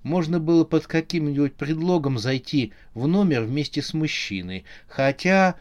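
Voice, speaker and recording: A man reading a comic horror audiobook in a measured, expressive narration. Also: a little high.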